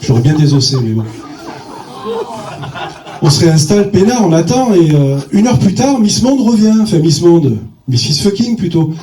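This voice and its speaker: Bawdy comedian with wild pitch swings. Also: male voice, very animated, moderate pace, mellow, reverberant, recorded from a distance, a little hiss or hum. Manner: bawdy, punchy delivery with sudden voice jumps. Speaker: stand-up comedian. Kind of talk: crude stand-up storytelling. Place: comedy stage.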